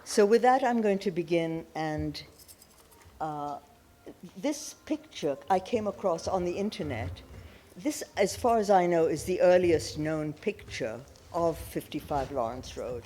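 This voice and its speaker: An older woman, born in Pakistan, giving an illustrated talk on a festival stage, telling her family story in a warm, personal way with small restarts. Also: on the low side, lively intonation, unhurried, a little hiss or hum. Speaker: festival panel speaker. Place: large auditorium stage.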